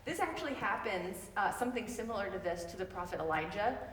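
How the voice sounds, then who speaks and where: A woman leading a Bible study in a casual, chatty way, full of loose asides and quick laughs. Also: mid-range voice, animated, a bit bright, roomy sound, big-room sound, recorded from a distance, rough recording.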